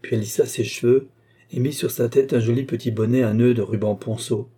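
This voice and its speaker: Dark, husky male audiobook narrator. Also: medium pitch, brisk. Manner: steady storytelling. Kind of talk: scripted narration.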